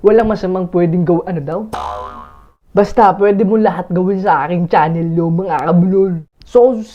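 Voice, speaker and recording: A man's voice: high-pitched, normal speed, muffled recording, a little hiss or hum. A man vlogging casually, rambling with lots of fillers and restarts while he talks straight to his viewers through an earphone mic. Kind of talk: casual chatty vlog.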